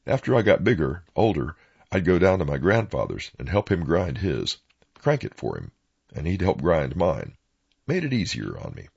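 Man, Appalachian accent, raspy and gravelly, animated pitch swings, folksy storyteller, rural dialect. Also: moderate pace, highs cut off. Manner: plain-spoken rural dialect. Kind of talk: folksy first-person oral-history storytelling.

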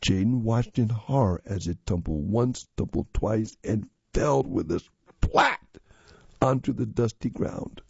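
A man reading magazine stories and articles aloud in a steady, measured way. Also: on the low side, creaky, slightly rough, no room sound. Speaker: magazine reader. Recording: dull lo-fi recording.

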